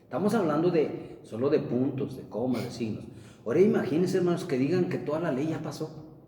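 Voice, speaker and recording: A man's voice: brisk, warm tone. Male preacher, emphatic sermon delivery, recorded far off in a reverberant hall. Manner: emphatic, rises for quotes then drops low. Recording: echoey room heard from a distance.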